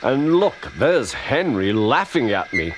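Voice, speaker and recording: A man's voice: mid-range voice, big pitch swings, slow pace, slight background noise, low-quality recording. A man voicing a proud, sulky large male express engine, pompous and self-pitying, over a storybook music bed.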